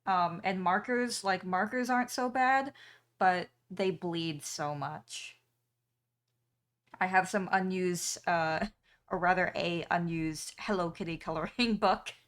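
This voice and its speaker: A woman's voice: fairly low pitch, takes it slowly. A young woman streamer chatting casually with her viewers while she draws, with frequent ums and small laughs. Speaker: streamer and artist.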